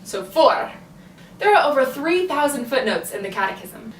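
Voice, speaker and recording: Brief: young woman co-host, upbeat and playful, slightly high voice, roomy sound from a distant mic. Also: very animated, moderate pace, a little hiss or hum. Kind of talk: casual scripted video chat. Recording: echoey room, mic at a distance.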